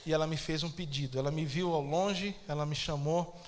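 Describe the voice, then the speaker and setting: A man's voice: on the high side, steady tone, fairly quick, a little hiss or hum. A man with a Brazilian Portuguese accent preaching a sermon as pastor, emphatic and calling out to the congregation for amens.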